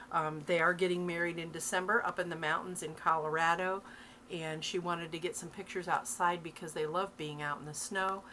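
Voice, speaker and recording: A woman's voice: fairly low pitch, sharp tone, slight background noise. A middle-aged woman vlogging from home, chatting eagerly about her crafting finds and laughing often. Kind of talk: casual show-and-tell vlog.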